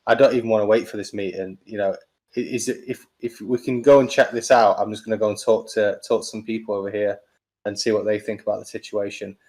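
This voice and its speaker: A man giving voice to a swashbuckling adventurer in a tabletop game, brisk and reassuring and keen to help. His voice is fairly low, and he talks much like he does in his everyday speech. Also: flat delivery, darkish tone, close to an everyday voice. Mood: determined.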